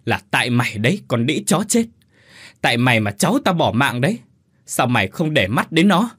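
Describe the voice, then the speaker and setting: A man's voice: medium pitch, big pitch swings, a little slow, fairly bright tone, breathy edge, full character voice. A man voicing a cruel, spiteful old mother-in-law who shrieks and hisses insults in a storybook tale. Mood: screaming abuse.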